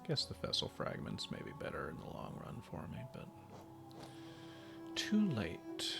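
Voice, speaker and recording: Gravelly man muttering through a game. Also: lowish voice, unhurried, over music. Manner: relaxed, muttering, thinking aloud. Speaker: gaming streamer. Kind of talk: let's play commentary.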